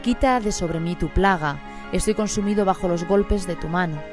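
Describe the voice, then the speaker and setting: A woman reading a psalm aloud in a solemn, measured recitation, with music clearly behind her voice. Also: on the low side. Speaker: scripture reader.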